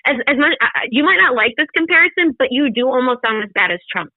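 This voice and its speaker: An American woman co-hosts a podcast, talking fast in a high, expressive voice with an earnest, emphatic manner in casual discussion. There's no echo, but the line sounds thin and phone-like.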